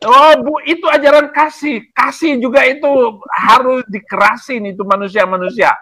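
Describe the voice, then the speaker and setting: A man's voice: very high voice, fairly even intonation, moderate pace, bright, forceful tone, no room sound, poor audio. A man in a heated religious debate, scolding and combative.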